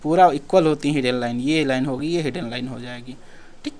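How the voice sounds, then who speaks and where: A man's voice: mid-range voice, brisk, a little mellow. A man teaching an exam-prep lesson in a casual way, asking questions and answering them himself. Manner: casual, repeats himself, asks and answers his own questions.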